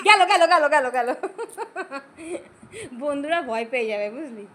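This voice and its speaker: A woman's voice: high voice, lively intonation, moderate pace, a crowd in the background. A woman filming her small daughter at home, coaxing and teasing her with frequent exclamations. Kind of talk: casual home video chat with a toddler.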